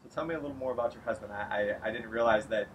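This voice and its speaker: A man interviewing a salon owner in a casual, friendly way, often pausing with fillers and restarting sentences. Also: lowish voice, slight background noise, rough recording. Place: salon, outdoors then indoors.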